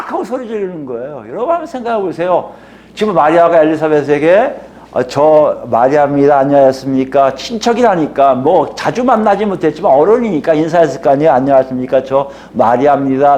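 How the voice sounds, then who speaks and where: A male pastor preaching an expository sermon in an animated way, asking many rhetorical questions. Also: a little high.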